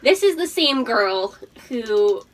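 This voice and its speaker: A woman's voice: on the high side, sing-song, slow pace. A young adult woman telling a casual, sweary personal story to friends in a giggly, drunk manner. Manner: uses profanity freely. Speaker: storytime host. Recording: distant mic, faint background noise.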